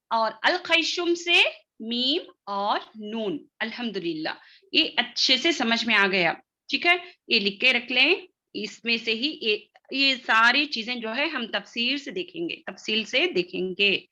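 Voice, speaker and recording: Bright-voiced woman teaching slowly and patiently. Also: on the high side, muffled recording. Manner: patient, repeats terms slowly and checks in with "okay?"; spells out letters one by one. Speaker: Quran recitation teacher. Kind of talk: online class lesson.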